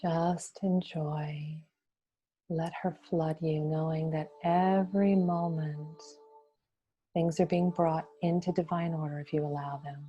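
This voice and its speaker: A woman leading a guided meditation in a soothing, reverent, goddess-like manner, softly and with a hushed delivery. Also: deep voice, fairly even intonation, measured pace, muffled recording, soft background music. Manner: soft, breathy, hushed, drifting at times toward a whisper.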